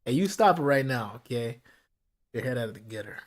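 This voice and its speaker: A man running a late-night live stream, talking casually and directly to his chat, with his voice gone hoarse from hours of talking. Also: mid-range voice, lively intonation, a little fast. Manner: casual, chatty, talks straight to his chat.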